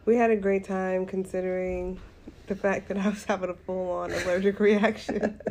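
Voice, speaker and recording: A woman co-hosting a casual podcast chat, hoarse and raspy from an allergic reaction, teasing and quick to laugh. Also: mid-range voice, level tone, a little mellow, slight background noise. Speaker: podcast co-host.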